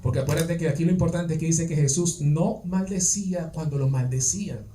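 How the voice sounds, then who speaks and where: A man's voice: fairly high pitch, fairly quick, mellow. Male preacher, conversational sermon, roomy distant church sound. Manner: conversational, rhetorical questions, checks on listeners. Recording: echoey church, distant mic, faint music.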